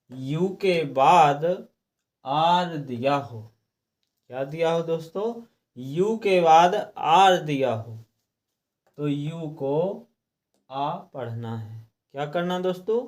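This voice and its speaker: A middle-aged man with a fairly high, darkish voice teaches a classroom lesson on English pronunciation rules. He repeats the rules and poses questions that he answers himself.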